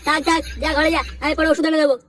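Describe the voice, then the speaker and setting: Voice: high voice, level tone, racing, very noisy, lightly acted. A performer voicing a strict, hot-tempered father who scolds and questions his son. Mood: stern. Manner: scolding, interrogating. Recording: loud background music.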